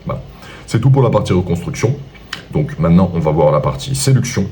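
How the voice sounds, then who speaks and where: A man's voice: low-pitched, animated, fairly quick, dark tone, slight background noise. A man speaking as a dating coach, giving an instructional monologue and laying out his points one by one with rhetorical questions.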